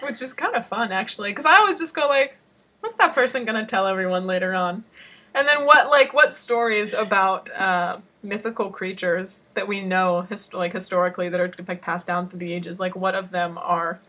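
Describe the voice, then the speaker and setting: A woman's voice: medium pitch, fairly even intonation, normal speed, few pauses, sharp tone. A woman co-hosting a casual podcast, chatting about a book and thinking aloud with fillers. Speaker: podcast co-host.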